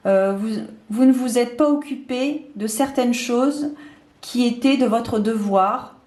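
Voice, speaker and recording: Woman tarot reader, slightly high voice, hesitant and full of fillers, roomy echo. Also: slow pace, dark tone. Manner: hesitant, many fillers and restarts. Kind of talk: casual tarot reading to camera. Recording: echoey room.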